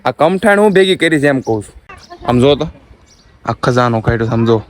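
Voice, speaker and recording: A man's voice: medium pitch, lively intonation, brisk. A young man from Gujarat, chatting casually to viewers in a home vlog and pleading playfully with his mother. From Gujarat, India. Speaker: vlogger. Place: family home, rooftop.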